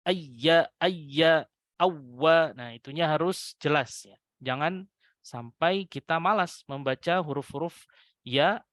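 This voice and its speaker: A man teaching Quran recitation rules to adult students, patiently repeating example words slowly with a lifted voice and addressing his listeners politely. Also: fairly high pitch, a bit bright, no echo, clean studio sound. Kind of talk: tajwid lesson to adult students.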